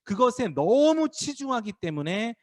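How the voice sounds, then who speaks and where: A man's voice: very high-pitched, unhurried. A man preaching a casual, playful sermon to middle schoolers as youth pastor, acting out voices as he goes. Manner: lively, acts out crowd voices, teasing students by name. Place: small church worship room.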